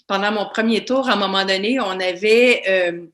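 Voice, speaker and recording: A woman's voice: mid-range voice, normal speed, a bit bright. Woman giving a chatty talk. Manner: anecdotal, many fillers and restarts. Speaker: veteran presenter. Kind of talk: casual online presentation.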